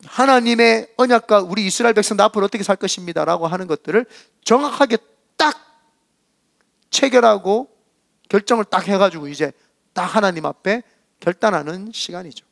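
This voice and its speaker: A man's voice: sits high, brisk, vocal fry, a bit bright, no echo, studio quality. A middle-aged Korean man with a Gyeongsang accent preaching a sermon as senior pastor, emphatic and scolding, full of rhetorical questions. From South Korea.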